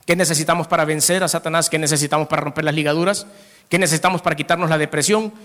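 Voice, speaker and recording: A man delivers a sermon in a slightly high voice. He reads scripture aloud and punches key phrases with sudden rises. He keeps putting questions to the listeners. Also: steady tone, racing, fairly bright tone. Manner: emphatic, with sudden rises in pitch and volume. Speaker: pastor.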